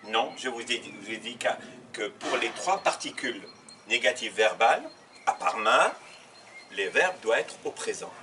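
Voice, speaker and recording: A man's voice: mid-range voice, animated, moderate pace. A man teaching a grammar lesson, asking questions and answering them himself, repeating examples. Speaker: Arabic teacher. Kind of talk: classroom lesson explaining grammar. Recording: slightly distant mic, faint background noise.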